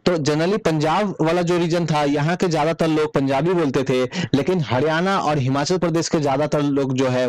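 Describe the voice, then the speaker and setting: A man teaching an exam-prep lesson, explaining each answer step by step and repeating the key points. His voice sits a little high and comes across smooth and clean. The recording is dry and close, with no room sound. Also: no echo, low-quality recording. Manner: mixes English terms into Hindi.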